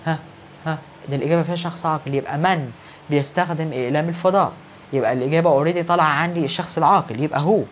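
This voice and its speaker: A man with an Egyptian Arabic accent teaching English grammar in a recorded online lesson, brisk and encouraging, answering students who are not there. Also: on the high side, a little hiss or hum.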